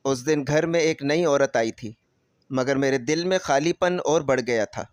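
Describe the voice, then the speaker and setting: A man narrating a scripted first-person story in a steady, emotional storytelling manner. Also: medium pitch, dry recording.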